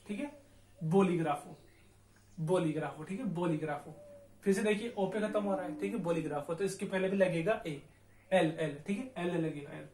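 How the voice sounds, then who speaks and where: Guy from india teaching a class, pretty high voice, spells stuff out slow and says everything twice, echoey room. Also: darkish tone, slight background noise. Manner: slow and patient, spells words letter by letter and repeats them often. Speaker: Spanish teacher. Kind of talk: classroom-style language lesson.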